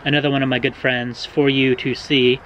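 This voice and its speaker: A young American man from Oregon casually answering viewer questions in a vlog, relaxed and hedging with frequent ums and uhs. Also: mid-range voice, fairly quick, dull audio. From Oregon, USA. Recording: faint background noise.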